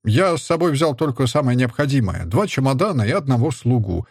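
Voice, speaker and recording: A jovial soldier uncle with a husky, hearty voice that bounces through a wide range of pitch, as a male narrator puts him on. He teases and jokes in a dry, close storybook reading. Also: expressive, brisk, darkish tone, no room sound. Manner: hearty, teasing.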